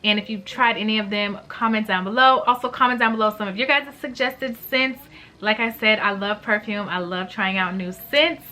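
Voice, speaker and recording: Bright-voiced chatty woman in her late 20s. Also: medium pitch, normal speed. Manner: chatty, gushing, slangy. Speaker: beauty vlogger. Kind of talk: casual perfume review vlog.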